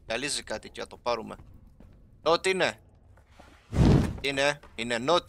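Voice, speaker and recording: A young man giving casual, excitable let's-play commentary as a gaming YouTuber, talking straight to his viewers. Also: medium pitch, vocal fry, background noise. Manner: excitable, talks to viewers, sprinkles English game terms.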